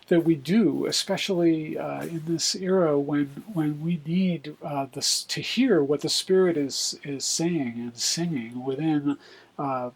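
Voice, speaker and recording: A man, a poet, speaking informally and reflectively, hesitant and searching for his words with many pauses. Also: fairly high pitch, darkish tone, breathy edge, low-quality recording. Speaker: poet introducing own poem. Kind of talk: informal reflective spoken introduction.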